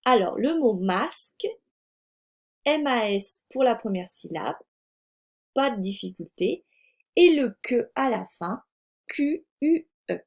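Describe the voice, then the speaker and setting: A woman's voice: fairly high pitch, lively intonation, slow pace, pauses often. A woman teaching a reading lesson to young children, speaking patiently, repeating words and spelling them out letter by letter for dictation. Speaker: first-grade teacher.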